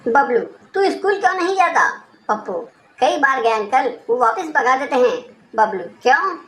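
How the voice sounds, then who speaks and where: A woman reading a string of short jokes aloud in plain, even storytelling, hardly changing her voice for the characters. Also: high-pitched, moderate pace. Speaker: joke reader. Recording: roomy echo with faint room noise.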